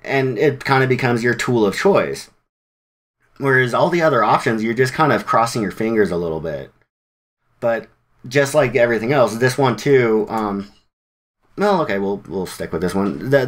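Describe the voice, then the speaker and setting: A man presenting at a developer meetup in a relaxed, conversational way. His voice sits at an ordinary pitch for a man. He talks informally, with plenty of slang, fillers and quick restarts. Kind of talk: casual presentation.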